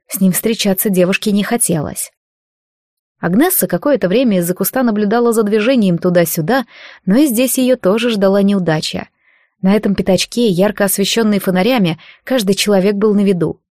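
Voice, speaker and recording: A woman reading a fantasy novel aloud as an audiobook narrator, with expressive storytelling. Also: mid-range voice, no echo, clean studio sound. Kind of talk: scripted narration.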